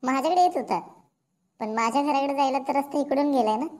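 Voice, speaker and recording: A woman voicing a sharp-tongued teenage village girl in a cartoon, blunt and teasing. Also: sits high, fast, natural voice. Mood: needling. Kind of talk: cartoon dialogue.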